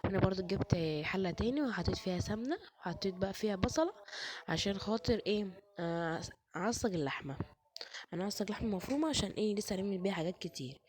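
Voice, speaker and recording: Hoarse fast-talking Egyptian woman. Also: medium pitch, animated, a little mellow. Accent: Egyptian Arabic. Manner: chatty, addresses viewers directly. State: hoarse, sore chest, fasting. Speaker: cooking vlogger. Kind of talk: casual chat narrating cooking. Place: home kitchen at the stove.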